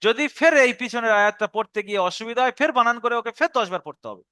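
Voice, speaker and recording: Male teacher for a tutorial, high bright voice, clear and smooth, repeats steps patiently. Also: expressive, no echo. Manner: explanatory, repeats instructions, slows to recite verses. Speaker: Quran teacher. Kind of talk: online tutorial lesson.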